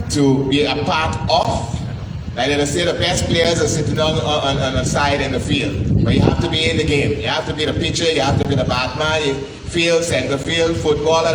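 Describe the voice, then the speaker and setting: A man's voice: on the high side, very noisy. Distant, echoey man hosting a live event. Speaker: host and panel moderator. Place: live community event, picked up from afar.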